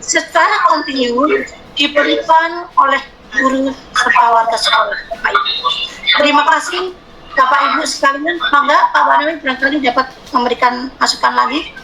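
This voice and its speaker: High, bright woman summarizing a meeting. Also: moderate pace, slight background noise, low-quality recording. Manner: orderly, enumerating points. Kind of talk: formal summary.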